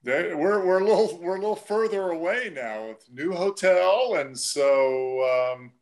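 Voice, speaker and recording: A man with a voice pitched a bit high for a man tells a lively road story on a sports podcast. He sets up the punchline as an animated storyteller, in the easy style of a working broadcaster. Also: measured pace. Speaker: team broadcaster. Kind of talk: casual podcast chat.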